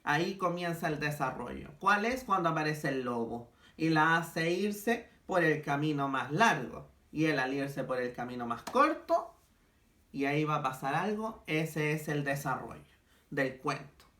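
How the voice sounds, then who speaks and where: A man's voice: a little high, a bit bright. Man teacher in an echoey room. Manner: slow, stretched-out examples for children. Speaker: school language teacher. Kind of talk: recorded class for young pupils.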